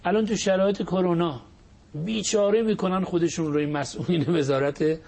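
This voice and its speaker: A man giving a religious talk as a cleric. He explains points quickly and then slows right down to recite verses in a drawn-out chant. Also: high-pitched, a little mellow. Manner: shifts between quick explanation and slow, drawn-out Arabic recitation.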